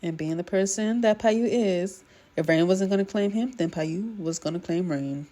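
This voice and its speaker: Woman chatting through a drama recap, gushy and casual, talks right to the viewers, mid pitch. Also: moderate pace, dark tone. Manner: chatty, gushing, addresses viewers as y'all.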